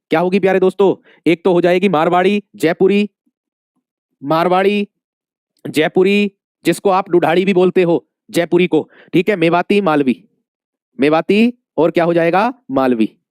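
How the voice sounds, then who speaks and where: A man's voice: sits high, a little mellow, no echo, clean studio sound. A male Hindi teacher giving an exam-prep lesson, calling his students dear friends, asking questions and repeating the answers many times.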